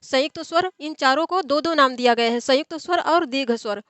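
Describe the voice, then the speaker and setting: A woman's voice: sits high, a little fast, fairly bright tone, dry recording. A young woman tutoring for an exam in an online lecture, explaining step by step and answering her own questions. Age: young adult.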